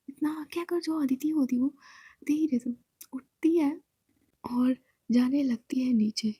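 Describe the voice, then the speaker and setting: High-voiced woman in whispered role-play. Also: dry recording, clean studio sound. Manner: soft, steady whispered narration. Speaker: storyteller.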